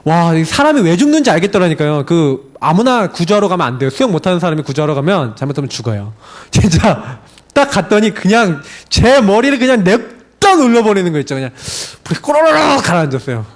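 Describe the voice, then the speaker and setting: Middle-aged male pastor, high voice, very expressive delivery, animated sermon storyteller. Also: brisk. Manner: animated storytelling with laughs and acted-out cries.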